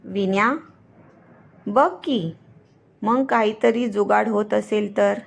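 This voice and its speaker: Brief: an easygoing young man, read by a woman narrator, calm and slow. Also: medium pitch, vocal fry, slightly rough, exaggerated voice. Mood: reassuring. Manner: calm, soothing reassurance. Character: young man, laid-back, reassuring roommate.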